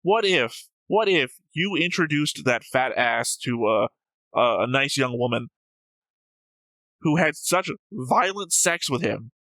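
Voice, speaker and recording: A man hosts a reaction show, reading viewer comments in casual discussion while arguing, rambling off on tangents, and often correcting himself. His medium-pitched voice is pushed and bright, with lively intonation and a slow pace. The rough recording has no room sound.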